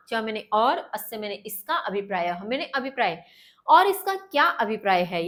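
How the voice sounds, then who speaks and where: A woman teaching a textbook lesson, pitched a little high. She goes through it word by word, repeating each gloss in a patient explanatory voice. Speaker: Sanskrit teacher.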